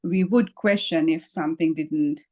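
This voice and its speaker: Speaking in a low-pitched, warm voice, a woman from Sri Lanka shares her story as a guest author on a podcast, measured and reflective, pausing often and laughing lightly.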